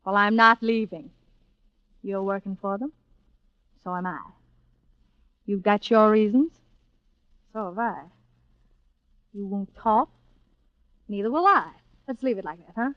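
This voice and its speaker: An actress playing a hard-bitten young singer with clipped, wry comebacks in an old-time radio drama. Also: female voice, medium pitch, unhurried, long pauses, no echo, close to an everyday voice. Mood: wry, cold. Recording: muffled vintage radio recording.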